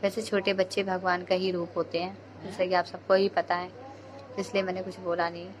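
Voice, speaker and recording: A woman's voice: fairly low pitch, level tone, a little fast, crowd noise. A young woman, a mother, chattily narrating a home video of her daughter in casual voice-over.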